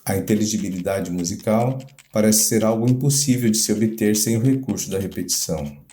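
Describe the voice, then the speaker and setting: A man reads a scripted music theory lecture at a measured, deliberate pace. His voice sits low and mellow, and the room adds a noticeable echo. Quiet guitar music plays underneath. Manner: measured, deliberate academic delivery. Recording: roomy echo.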